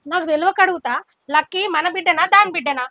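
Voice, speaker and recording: A woman acting out a sharp-tongued village wife in a short film. Her voice is very high and bright, and she complains at speed. The sound is dry and close. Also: a little fast, dry recording, heavily acted. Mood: bitter. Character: resentful village wife, mother of a small girl. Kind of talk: village family drama acting.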